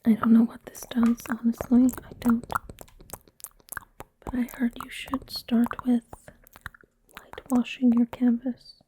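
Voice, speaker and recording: A young woman whispering close to the mic in an ASMR video, soft-spoken and self-deprecating as she chats while working at a table indoors. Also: fairly high pitch, little pitch movement, a little slow, pauses often, slight background noise. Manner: whispered throughout; self-deprecating, chatty aside. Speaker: ASMR creator. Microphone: close microphone.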